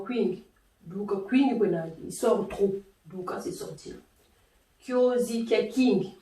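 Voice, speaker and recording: A woman teaches a language lesson slowly and with patience, pausing often to find her words. Her voice is mellow and a little dark. She sits back from the mic in a room that echoes. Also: medium pitch, far from the mic. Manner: slow, patient explaining with frequent hesitations.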